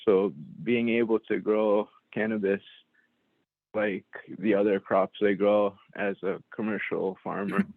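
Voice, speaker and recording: Man, phone voice, lowish pitch, very slow, pauses and restarts. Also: flat delivery, gravelly, no echo. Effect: phone line. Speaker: caller testifying at a public hearing. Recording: tinny phone line.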